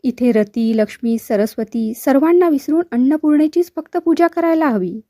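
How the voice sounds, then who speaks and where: A woman's voice: high voice, lively intonation, moderate pace, dark tone, no echo, studio quality. A woman voicing a cheerful young man who teases his friends. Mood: jovial. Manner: cheerful, teasing. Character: young man, jolly husband-to-be.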